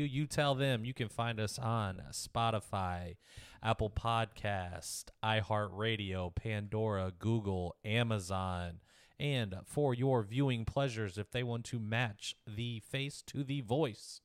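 A man's voice: medium pitch, a bit bright, clean tone, dry recording, clean studio sound. A man co-hosting a podcast in casual chat, skeptical and teasing. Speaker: podcast co-host.

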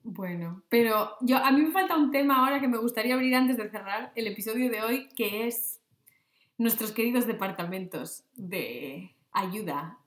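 A woman's voice: fairly high pitch, animated, normal speed, fairly bright tone. A woman co-hosting a podcast in a casual, playful chat, often acting out quoted voices. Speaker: podcast co-host. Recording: roomy echo.

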